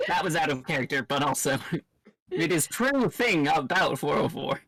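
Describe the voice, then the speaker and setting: Giggly player talking out of character, bright lively voice. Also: medium pitch, no echo. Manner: giggly, playful. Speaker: tabletop role-play player. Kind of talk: casual role-play chat.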